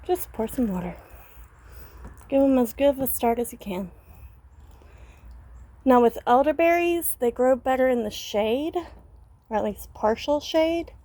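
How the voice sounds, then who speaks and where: A woman breathing heavily as she gives a casual, unhurried gardening demonstration outdoors, talking while she works. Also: high voice, lively intonation, dark tone. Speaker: gardener filming a how-to vlog.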